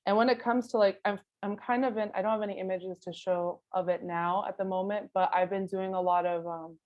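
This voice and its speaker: Speaking briskly in a steady, mid-range voice on a lo-fi recording, a woman photographer appears as a guest at an artist talk and answers interview questions informally. Her first language isn't Spanish, which she learned as a second language. She thinks out loud, peppering her speech with "like" and "you know."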